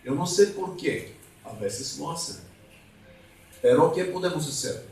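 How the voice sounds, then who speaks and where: A man preaching a deliverance sermon as an evangelist, speaking in a slow, halting way and sometimes asking the congregation for a word. His is not the one he preaches in. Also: fairly high pitch, animated, vocal fry, darkish tone. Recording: echoey hall, mic at a distance.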